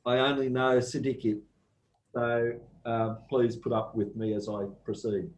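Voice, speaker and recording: A man with an Australian accent giving a slow, measured guest lecture over a video call, pausing often with ums. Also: medium pitch, flat delivery, echoey room, low-quality recording. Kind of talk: online academic lecture.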